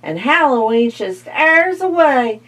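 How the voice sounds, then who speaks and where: A woman doing a bossy storybook witch who drags out her words in a slow, bouncing sing-song. The lines rise and fall a lot, each phrase stretched wide. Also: high-pitched, big pitch swings, fairly bright tone, pitched above the performer's own voice, full character voice. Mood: singsong. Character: boastful old witch, bossy.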